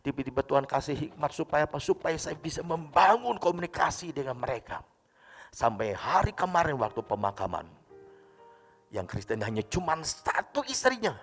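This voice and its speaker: A man's voice: a little high, very animated, normal speed, husky, faint music behind. Preaching man in an echoing church. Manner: storytelling, acting out dialogue with sudden loud bursts. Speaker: pastor. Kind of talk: sermon.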